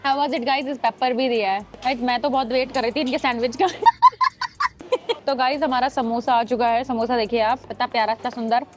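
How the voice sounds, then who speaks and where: Chatty young woman vlogging, pitched up. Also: big pitch swings, normal speed, background noise. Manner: chatty, addresses viewers as guys, mixes in English. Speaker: vlogger host. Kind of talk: casual vlog chat. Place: airport terminal.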